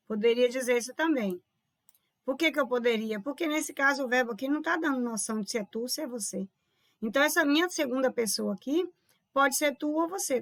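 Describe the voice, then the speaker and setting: A high-pitched woman with a Brazilian accent teaches grammar in an explanatory way and keeps checking that her viewers follow. Her voice is recorded close up in a dry room with no echo. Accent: Brazilian Portuguese. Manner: explanatory, keeps checking in with "tá vendo?" and calls viewers "povo lindo". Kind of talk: online grammar lesson solving exam questions.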